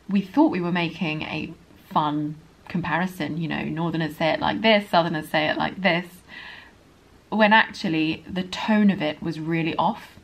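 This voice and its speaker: A woman with a modern received pronunciation accent and a hint of Estuary, an English pronunciation teacher talking quickly and earnestly in a candid vlog. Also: on the low side. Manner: speaks quickly, earnest and apologetic.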